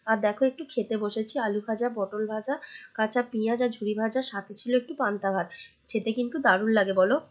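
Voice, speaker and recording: Hoarse woman narrating her day. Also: a little high, fairly even intonation, quick pace. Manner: chatty, addresses viewers directly. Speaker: vlogger. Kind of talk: casual voice-over vlog narration.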